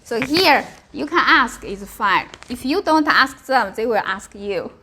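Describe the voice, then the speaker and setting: A woman with a Chinese accent, Mandarin being her first language, runs a language lesson in short simple phrases, repeating herself and checking understanding as she drills and explains. Her voice is on the high side and expressive, a little slow, with background noise present.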